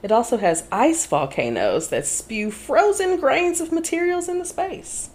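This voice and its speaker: A woman co-hosting a casual podcast chat in an animated, chatty manner. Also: high-pitched, a little slow. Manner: animated, chatty, laughs often. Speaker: podcast co-host.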